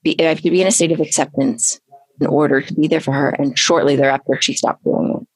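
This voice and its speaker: A woman's voice: low-pitched, fairly even intonation, quick pace, breathy edge, no room sound. A woman hosting a podcast and talking casually, in a candid, reflective way that often trails off. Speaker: podcast host. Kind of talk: casual conversation.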